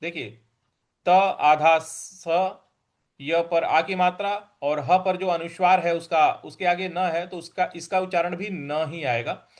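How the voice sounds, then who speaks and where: A man teaching verse recitation, chanting lines slowly and then explaining pronunciation in quick asides. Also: fairly high pitch, fairly even intonation. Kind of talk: Sanskrit recitation lesson.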